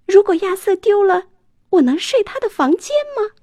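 A woman voicing an excitable, cheeky little girl in a children's storybook reading, with a shrill, squealing delivery. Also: normal speed, no room sound, studio quality. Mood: excited.

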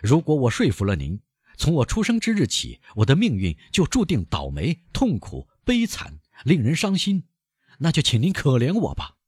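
A man's voice: on the high side, huge pitch swings, moderate pace, darkish tone, husky, no echo, studio quality, voice pushed up, heavily acted. A man voicing a defiant young male prisoner on trial, bitter and mocking as he speaks to the court.

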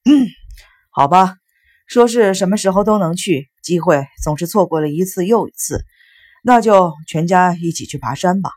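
A woman voicing a calm middle-aged father who speaks mildly and tries to smooth things over. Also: lowish voice, moderate pace, close to an everyday voice. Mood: coaxing. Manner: mild and conciliatory.

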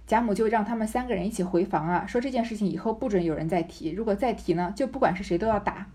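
A woman's voice: mid-range voice, fast, warm tone, breathy edge. A woman reading a classic novel aloud and explaining it in chatty, plain modern talk. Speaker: reader and commentator of a classic novel. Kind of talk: novel reading with casual commentary.

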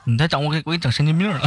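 A man's voice: a little high, noisy background. A man, a livestreamer on a voice call, flustered, laughing and mocking himself. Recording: music playing loudly underneath.

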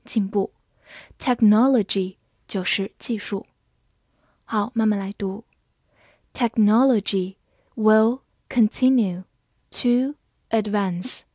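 A woman whose first language is Chinese, teaching English vocabulary in a scripted lesson, spelling words out letter by letter and reading example sentences slowly. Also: mid-range voice, a little mellow, breathy edge, dry recording, studio quality.

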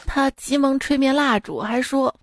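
A woman's voice: high-pitched, normal speed, dry recording. A woman hosting a radio joke show, telling jokes casually and acting out the quoted lines, often laughing at her own punchlines.

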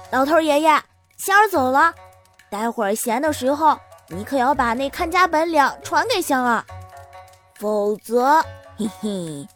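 A man's voice: extremely high pitch, lively intonation, measured pace, a bit bright, faint music behind, voice pushed up, heavily acted. A man voicing a mischievous, spoiled young girl who teases in a giggly way. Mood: teasing. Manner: teasing, giggly.

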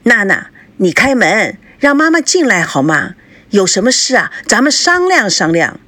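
A woman's voice: medium pitch, big pitch swings, moderate pace, sharp tone, no room sound. A woman voicing a shrewd middle-aged mother who nags her husband and sweet-talks her daughter. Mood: persuading. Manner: nagging, persuasive, fawning.

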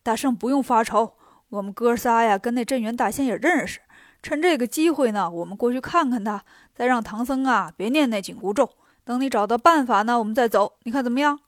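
A woman voicing a jovial old male longevity god in a storybook, talking low and easy. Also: fairly quick, no echo, studio quality, natural voice. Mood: easygoing.

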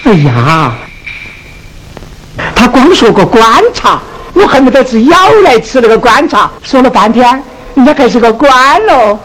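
Sichuan opera innkeeper, mocking and singsong, lively pitch, hissy old film audio. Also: unhurried. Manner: mocking, scolding, sing-song delivery. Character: sharp-tongued comic innkeeper scolding a poor scholar. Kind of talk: Sichuan opera stage acting. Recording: noisy 1970s film soundtrack.

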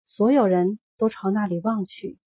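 A woman reading a children's story aloud in a slow, steady way. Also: mid-range voice, breathy edge, no room sound. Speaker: narrator.

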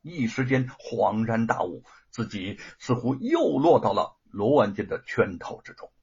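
Brief: husky male storyteller, very animated pitch, dull recording. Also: measured pace. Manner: lively, dramatic storytelling. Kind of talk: serialized audiobook narration.

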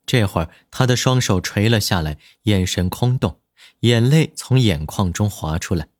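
A man with a lowish voice reads a romance drama aloud with expressive, lively storytelling. His pitch rises and falls widely. The sound is dry and close, with no room around it. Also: moderate pace, no echo. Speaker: audiobook narrator. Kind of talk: scripted dramatic narration.

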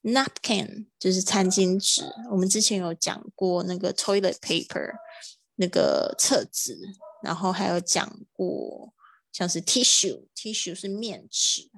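A woman teaching English vocabulary in a livestream, drawing out model words slowly between quick explanations. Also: mid-range voice, lively intonation, vocal fry, no echo.

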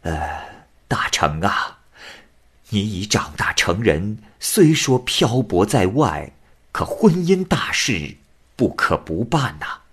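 A man voicing a kindly, shrewd old woman, soft and motherly in tone. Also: fairly low pitch, big pitch swings, takes it slowly, slightly rough, exaggerated voice. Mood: coaxing.

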